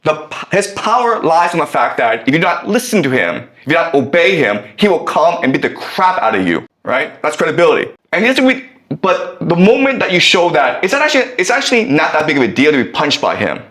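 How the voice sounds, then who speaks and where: A man's voice: on the high side, fairly quick, few pauses, reverberant. A male professor giving a classroom lecture, telling a story and checking in with his students. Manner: animated, checks in with "okay?".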